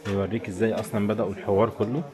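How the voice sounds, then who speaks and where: Speaking very fast in a level tone, a fairly low-pitched man with an Egyptian Arabic accent gives a casual walking-tour chat as a vlogger. The backdrop is a busy crowd and street activity as he wanders a tourist village and its shops.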